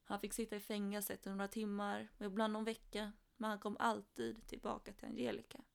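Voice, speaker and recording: Woman narrator for a true crime story, even delivery, some vocal fry. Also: mid-range voice.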